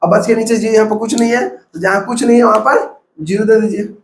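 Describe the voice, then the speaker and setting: Male math tutor with a Bihari Hindi accent, high-pitched, coaching step by step in a roomy space. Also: brisk, slight background noise. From India. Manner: step-by-step coaching, repeats numbers aloud. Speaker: math teacher. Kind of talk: classroom math lesson. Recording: echoey room.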